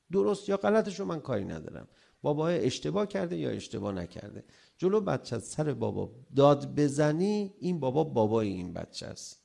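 A middle-aged cleric giving a sermon on marriage, animated, acting out household quarrels in a raised voice. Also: male voice, lowish voice, gravelly, slightly rough.

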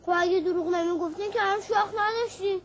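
A very high, sulky young boy. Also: steady tone, a little hiss or hum. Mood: defiant.

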